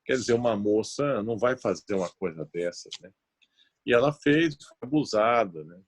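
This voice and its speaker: Earnest pastor preaching a story. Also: male voice, on the low side, expressive, normal speed, breathy edge. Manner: earnest, often dropping to a hushed tone, tag questions. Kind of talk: sermon storytelling.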